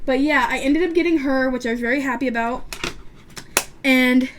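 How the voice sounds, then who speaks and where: With background noise in the recording, a young woman of about twenty chats at a normal pace while doing her makeup for her beauty vlog. Her voice is high-pitched, and her rambling talk includes a stutter, a lisp, and frequent fillers and restarts.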